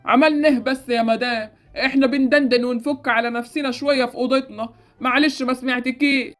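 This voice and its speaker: A woman's voice: sits high, steady tone, fast, faint music behind, close to an everyday voice. Woman playing a cheeky Egyptian doorman. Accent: Egyptian Arabic. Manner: teasing, joking, unbothered. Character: male doorman, cheeky and easygoing.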